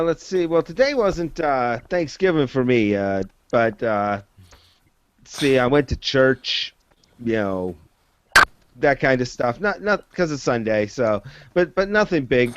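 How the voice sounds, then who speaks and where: A man's voice: medium pitch, muffled recording. A man in casual chat, talking at length with many fillers and laying out his reasoning step by step. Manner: rambling, many fillers, lays out arguments step by step.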